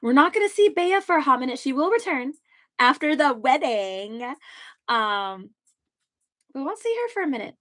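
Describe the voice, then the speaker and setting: A woman's voice: sits high, very animated, normal speed, pushed and bright. Bubbly woman chatting while drawing. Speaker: webcomic artist streaming. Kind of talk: casual livestream chat while drawing.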